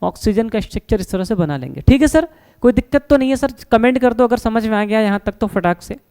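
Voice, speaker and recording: A man's voice: high voice, lively intonation, fast, mellow, smooth. A man teaching a science lesson at a board, posing questions and answering them himself and reassuring his students as he goes. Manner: asks questions and answers them himself, calls listeners "beta" and "sir"; reassuring, repeats "no problem".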